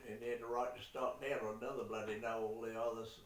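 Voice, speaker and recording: A man's voice: medium pitch, little pitch movement, fast. An older man with a New Zealand accent telling rambling family stories in a salty, casual way, sprinkling in mild swearing. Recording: echoey room, far from the mic, faint noise.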